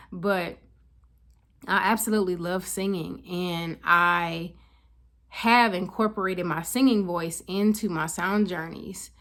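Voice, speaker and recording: Woman therapist, slightly low voice, reflective talk to camera, measured and searching. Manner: thoughtful, unhurried, searching for words with small restarts. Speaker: licensed therapist and wellness coach, channel host.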